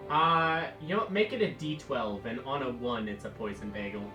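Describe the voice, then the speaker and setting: A man acting as game master for a tabletop game with friends, easygoing and quick to laugh. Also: medium pitch. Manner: relaxed, laughing, easygoing rulings. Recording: roomy sound with music behind.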